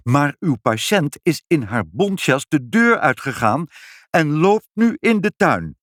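A fussy hospital nurse from a children's story, scolding in a raised, swooping voice, put on by a man reading aloud. Her lines jump high with alarm and indignation. The sound is close and dry. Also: big pitch swings, measured pace, dry recording.

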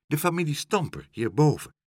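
A man doing a calm, sly doctor. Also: fairly high pitch, normal speed, no echo, clean studio sound, pitched above the performer's own voice. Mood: persuasive. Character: kindly, calm, clever male doctor.

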